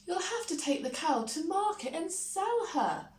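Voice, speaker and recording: A woman's voice: very animated, unhurried, distant mic, heavily acted. A woman voicing a poor, exasperated mother in a storybook, with emphatic delivery. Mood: sad. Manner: high, scolding, emphatic. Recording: roomy echo, faint background noise.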